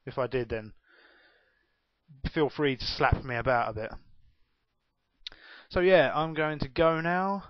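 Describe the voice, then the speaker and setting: A young man in his twenties, an English gaming YouTuber with a well-spoken southern accent, runs a casual vlog Q&A, often laughing and making fun of himself. His medium-pitched voice is steady, with a measured pace and frequent pauses. There's no room sound on the dull, dry home recording.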